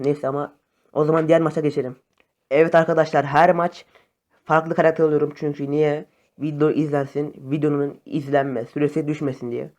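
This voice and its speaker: A young man chatting casually to his viewers over phone gameplay, excitable and friendly. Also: a little high. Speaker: gaming YouTuber. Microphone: phone camera facecam.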